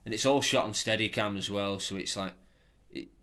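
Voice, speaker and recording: A man's voice: fairly low pitch, a little fast, sharp tone. A young man co-hosting a podcast, chatting casually and agreeably, often restarting his sentences. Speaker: podcast co-host. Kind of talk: casual chat.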